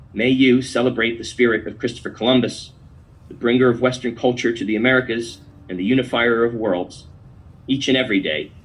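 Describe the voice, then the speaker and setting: A man's voice: medium pitch, fairly bright tone, low-quality recording. A man hosting a podcast, giving opinion commentary and reading a poem aloud in an emphatic, declamatory way. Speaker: podcast host.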